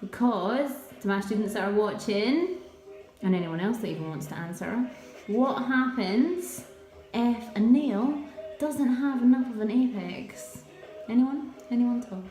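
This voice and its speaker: A woman's voice: a little high, animated, measured pace, a little mellow, echoey room, soft background music. A woman nail technician giving a chatty live tutorial, quizzing and teasing her viewers.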